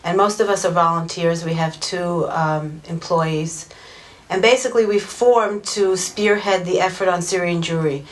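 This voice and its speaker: A woman's voice: lowish voice, steady tone, moderate pace. A woman leading a community organization, explaining its work earnestly in an interview. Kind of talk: interview answers.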